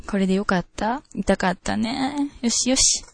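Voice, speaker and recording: A woman's voice: medium pitch, takes it slowly, gravelly, darkish tone, no echo. A woman voicing a domineering, sadistic woman who taunts and gives orders, with a Kansai accent. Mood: taunting. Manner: commanding, taunting, scornful. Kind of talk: scripted role-play line reading.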